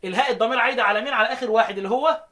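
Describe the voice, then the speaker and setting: A man with an extremely high pitch that sounds pushed and bright teaches a lesson on recitation readings. He has an Egyptian Arabic accent, answers questions he poses himself, and chants verses slowly.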